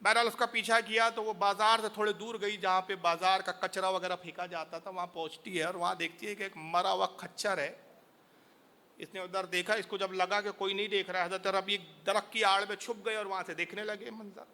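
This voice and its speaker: Male preacher from India, dramatic sermon storyteller, bright forceful delivery. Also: high voice, level tone. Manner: impassioned, dramatic narration.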